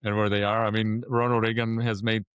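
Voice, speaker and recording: A man from Czechoslovakia hosting a podcast, talking quickly and stumbling over repeated words. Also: lowish voice, level tone, clean tone, no room sound. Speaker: podcast host. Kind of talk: podcast interview.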